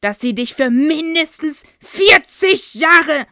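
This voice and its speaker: A woman's voice: high voice, expressive, slow pace, pushed and bright, no echo, clean studio sound, voice pushed up, full character voice. A woman voicing a huge, brutal, child-hating headmistress who bellows insults at a pupil. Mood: furious bellowing.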